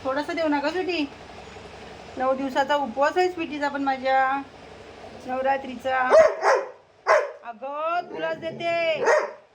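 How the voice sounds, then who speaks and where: A woman's voice: high voice, steady tone, normal speed, long pauses, heavy background noise. A woman, talking in affectionate, sing-song baby talk as she feeds her pets and strays, coaxing them and scolding them fondly. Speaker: vlogger feeding pets and strays.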